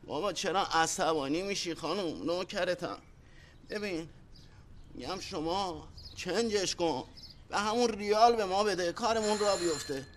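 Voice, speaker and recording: A man playing a high-voiced wheedling street hustler. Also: a little hiss or hum, close to an everyday voice. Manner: wheedling, complaining, cheeky. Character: shabby pleading street hustler, middle-aged man. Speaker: beggar looking for money. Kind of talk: TV drama acting.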